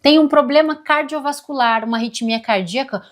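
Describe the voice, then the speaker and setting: A woman presenting an upbeat scripted sales pitch. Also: a little fast.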